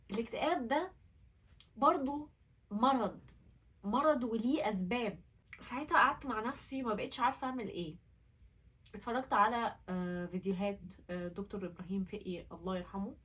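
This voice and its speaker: A young Egyptian woman with a husky, slightly raised voice tells her story in a personal vlog. She talks quickly and candidly, with strong feeling. Her voice sits a little away from the microphone. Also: on the high side, far from the mic. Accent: Egyptian Arabic. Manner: earnest and candid, emotional. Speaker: vlogger.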